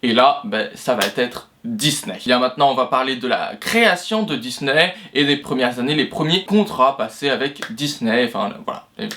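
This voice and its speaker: A man's voice: mid-range voice, lively intonation, normal speed, hardly any pauses, pushed and bright, a little hiss or hum. A man hosting an explainer video, talking it through casually with many fillers and restarts and the odd self-mocking aside. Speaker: video host.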